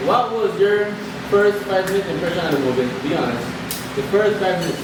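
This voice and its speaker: Man, high voice, casual slangy podcast host, heavily echoing room, distant microphone. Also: expressive, fairly quick. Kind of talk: casual group podcast chat. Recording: echoey room, distant mic, noisy background.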